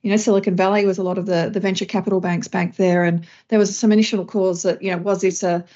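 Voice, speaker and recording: A woman hosts an investment podcast, walking through market events in a measured, explanatory way with occasional restarts. Her pitch sits mid-range. The recording is slightly dull and lo-fi. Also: flat delivery, warm tone. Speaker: podcast host, chief investment officer. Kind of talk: scripted podcast intro then casual chat.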